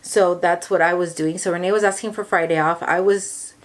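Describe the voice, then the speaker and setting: A woman's voice: fairly low pitch, fairly even intonation, brisk. Emotional young woman, rambling story. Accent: Californian English. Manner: emotional, rambling, many fillers and restarts. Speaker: vlogger. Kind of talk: personal storytelling to camera.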